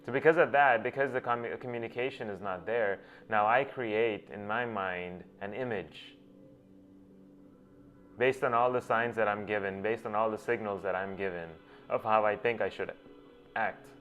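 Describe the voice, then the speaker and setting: A lowish, fairly bright male voice moves at a moderate pace. The Gujarati-speaking host muses aloud in a reflective monologue, restarting his phrases often while he works things out, over dull lo-fi audio with faint music.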